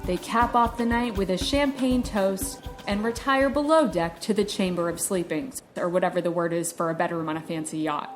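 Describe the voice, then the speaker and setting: A woman's voice: on the low side, normal speed, hardly any pauses, faint music behind. A woman hosting a true-crime review podcast, retelling the story with playful, sarcastic asides. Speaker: podcast host.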